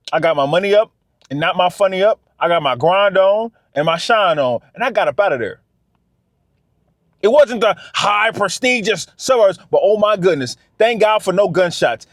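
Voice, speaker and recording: A man's voice: high voice, dry recording. A man talking straight to camera in a casual vlog, emphatic and slangy, repeating his phrases for weight. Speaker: vlogger.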